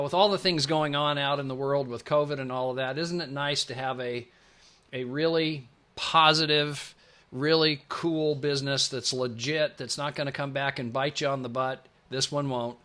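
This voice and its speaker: A man's voice: medium pitch, steady tone, normal speed, sharp tone. A man hosting a live online presentation on a video call, chatty and enthusiastic, rambling with fillers. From Pacific Northwest United States. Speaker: webinar host.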